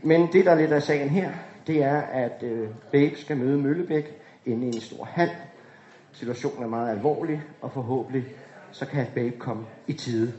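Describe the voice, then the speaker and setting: A man's voice: mid-range voice, warm tone. Casting: male narrator reading stage directions, echoey lo-fi room. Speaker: narrator and director of an amateur radio play. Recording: dull echoey room recording.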